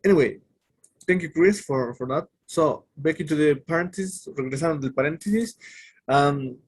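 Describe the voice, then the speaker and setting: A man's voice: fairly high pitch, unhurried, slightly rough. A man teaching a casual English lesson online. He explains step by step and often stops to correct himself, with fillers along the way.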